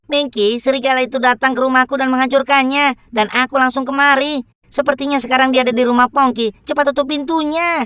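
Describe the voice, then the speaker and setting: Woman voicing a stubborn, fairly high little pig. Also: steady tone, quick pace, fairly bright tone. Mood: alarmed. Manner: defiant, snappy. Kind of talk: children's cartoon fairy-tale acting.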